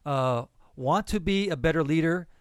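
A man co-hosting a podcast in casual chat, lively and quick to laugh. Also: a little high, clean tone, no echo, studio quality. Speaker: podcast co-host.

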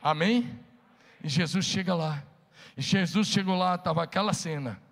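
In a large hall, a pastor preaches a sermon and calls on the congregation to respond in call-and-response. His voice is high-pitched and fairly bright, with a moderate pace.

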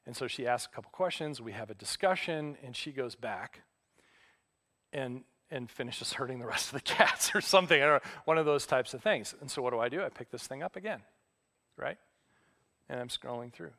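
A middle-aged man preaching as a pastor, telling stories in a relaxed, self-deprecating way. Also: medium pitch, a little fast. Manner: conversational, self-deprecating storytelling. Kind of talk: sermon.

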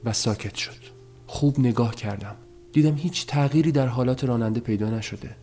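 A man narrating a story as an audiobook, in a measured, subdued telling. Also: medium pitch, mellow, faint music behind.

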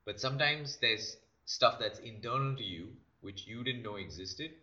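A man hosting a podcast, talking in a reflective, measured way and prompting his guest with questions. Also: mid-range voice, lively intonation, sharp tone. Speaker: podcast host. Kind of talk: casual podcast chat. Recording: slightly muffled lo-fi recording.

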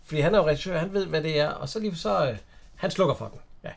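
A man's voice: on the high side, vocal fry. A man with a Danish accent casually retelling a film in conversation, hesitating and searching for words.

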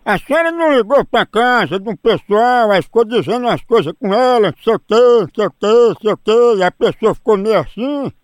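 A man's voice: high-pitched, animated, brisk, hardly any pauses, no room sound. A man making a prank phone call, teasing and mock-serious as he draws out his accusations. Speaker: prank caller.

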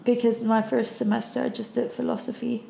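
A woman arguing with her husband in casual banter, exasperated and quick to swear. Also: fairly high pitch, level tone, gravelly, dark tone, a little hiss or hum. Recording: echoey room with faint ambience.

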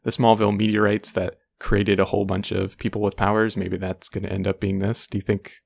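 Male podcast co-host, low gravelly voice, relaxed episode-recap chat. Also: a little fast. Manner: relaxed, recaps plot with fillers.

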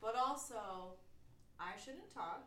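A woman's voice: on the high side, animated, slow, fairly bright tone. A woman playing a tabletop game, talking in a giggly, playful way. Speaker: player. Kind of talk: casual tabletop play. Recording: roomy distant mic, faint hiss.

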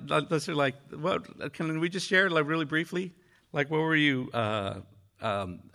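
A man from Mexico giving a conversational church sermon, earnest and halting as he speaks. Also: medium pitch, bright, forceful tone. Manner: earnest, halting with frequent fillers. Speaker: pastor.

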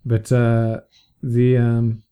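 Man, podcast co-host, mellow dark voice, rambling with fillers. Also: medium pitch, monotone, extremely slow. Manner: rambling, self-mocking, lots of fillers. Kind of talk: casual podcast chat.

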